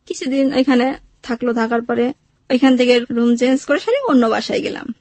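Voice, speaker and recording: Here the Bangladeshi-accented woman speaks briskly in a slightly high, steady, a little mellow voice, with no room sound. As an interview guest she tells her life story in colloquial terms, reporting conversations through quoted dialogue.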